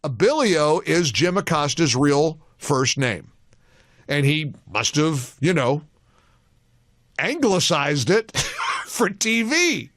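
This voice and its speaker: A man hosting a talk radio show, telling an anecdote as an animated storyteller in a studio. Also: a little high, no room sound.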